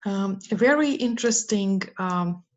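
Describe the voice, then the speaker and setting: A woman giving an academic presentation, speaking slowly and carefully with frequent uh and um fillers. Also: mid-range voice, animated. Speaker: lecturer. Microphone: video call. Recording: dull, lo-fi online talk.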